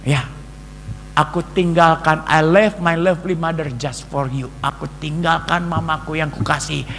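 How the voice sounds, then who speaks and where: A middle-aged male pastor giving a lively testimony sermon, acting out the voices he quotes and calling his listeners beloved brethren. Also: fairly high pitch, a little slow, vocal fry. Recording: long reverb, faint background noise.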